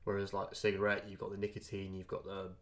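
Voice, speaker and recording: A man's voice: fairly low pitch, completely flat delivery, fast talker, fairly bright tone. A man in casual podcast chat, joking and sweary, and keen to explain things. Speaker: podcast co-host.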